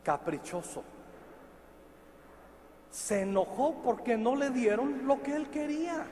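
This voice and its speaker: A Mexican man preaching a sermon, swinging from quiet asides to shouted lines. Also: extremely high pitch, normal speed, big-room sound, slight background noise. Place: large church hall.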